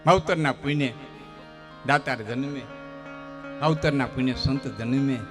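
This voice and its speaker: A man telling folk stories at a live dayro program, using rhythmic repetition that builds into loud declamations. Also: mid-range voice, measured pace, over music. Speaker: folk storyteller.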